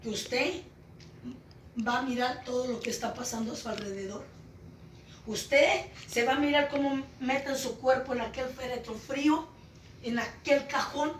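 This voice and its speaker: Woman preacher, Pentecostal testimony, shouts then hushes; recorded far off in a roomy space. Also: high-pitched, a little slow, a little hiss or hum. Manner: impassioned, swings between shouting and hushed. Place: church home meeting. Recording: echoey room, voice from far off.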